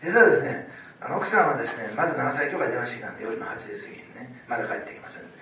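A man preaching a sermon as a pastor, telling stories, dropping to hushed whispers and rising to loud exclaims. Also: mid-range voice, animated, rapid-fire, a little hiss or hum. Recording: roomy, distant mic with faint ambience.

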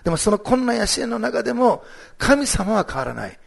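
A man's voice: sits high, very animated, normal speed, vocal fry. A male pastor giving a sermon, telling a testimony story in a chatty way with frequent tags to the congregation. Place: church service streamed online.

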